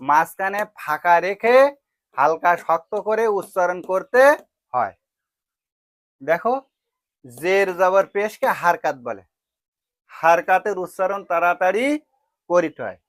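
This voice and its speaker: A man teaching Quran letter reading, drilling each syllable slowly and deliberately. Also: high voice, fairly bright tone. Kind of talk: slow spelling-drill recitation lesson.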